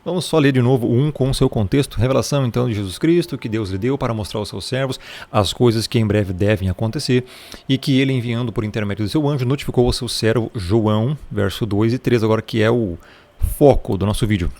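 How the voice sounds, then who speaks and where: A man's voice: medium pitch, fast talker, a little mellow. Casual man teaching Bible Greek. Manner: explanatory, conversational, repeats points.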